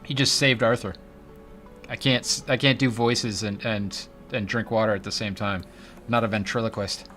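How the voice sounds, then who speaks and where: A man's voice: fairly low pitch, steady tone, moderate pace, a bit bright, faint music behind. A man hosting a casual livestream, chatty and joking, reading chat aloud. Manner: chatty, joking, drops into silly voices. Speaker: livestream host.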